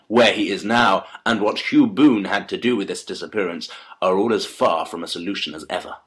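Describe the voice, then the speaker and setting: An actor playing a keen, analytical detective in a dramatised audiobook, speaking articulately and emphatically in formal period diction. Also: male voice, low voice, fairly bright tone. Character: Sherlock Holmes, keen analytical male detective recounting a case.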